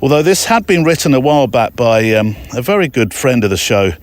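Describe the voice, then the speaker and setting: Here a podcast host talks chattily to his listeners while walking in an overgrown park, drifting into hesitant asides. He sounds very animated and a little fast, with a mid-range voice on a dry recording.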